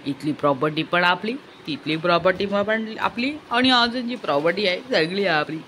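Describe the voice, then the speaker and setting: A woman's voice: fairly low pitch, expressive, moderate pace, a bit bright. Woman, comic vlog commentary, teasing, mocking sing-song repeats, laughing often, faint background noise. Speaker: commentary vlogger.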